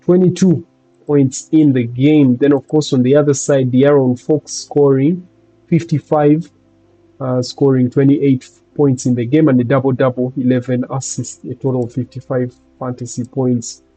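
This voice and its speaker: A man gives a casual fantasy basketball recap, stopping often with filler sounds as he lists points. His voice is very dark and husky. The sound is dry and close. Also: mid-range voice, fairly even intonation, dry recording, faint music behind, poor audio. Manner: halting, many filler ums, lists stats. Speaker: fantasy basketball video host. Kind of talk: casual recap over game highlights.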